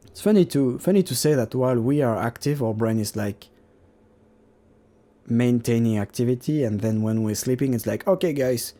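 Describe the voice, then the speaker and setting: A man casually talking over his own painting process, halting with many fillers and restarts and laughing at himself. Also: medium pitch, warm tone. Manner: self-deprecating, laughs at himself. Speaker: digital artist.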